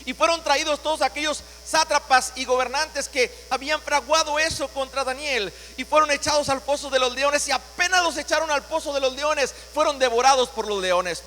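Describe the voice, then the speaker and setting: A man's voice: very high-pitched, normal speed, few pauses, sharp tone, in a large hall, a little hiss or hum, poor audio. A man preaching a sermon as pastor, dramatically voicing scripture passages. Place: church.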